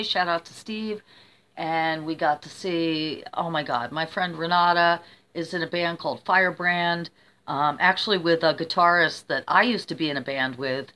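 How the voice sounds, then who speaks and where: A middle-aged woman vlogger with a mild cold rambles casually to her viewers, often cutting herself off. Her voice sits on the low side, pushed and bright, and she sounds a bit under the weather.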